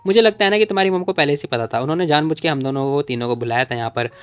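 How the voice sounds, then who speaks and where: A man reading the lines of a sly, scheming young woman in a low, hushed voice. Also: rapid-fire, clear, resonant tone, lightly acted.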